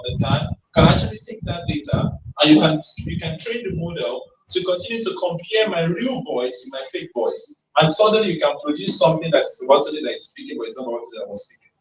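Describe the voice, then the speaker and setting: A man speaks at a tech event with an emphatic, rallying delivery, pulling listeners in with call-and-response questions. His voice sits a touch high and reaches the mic from a distance. It rings around a roomy hall, with faint ambient noise beneath it. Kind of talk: motivational talk.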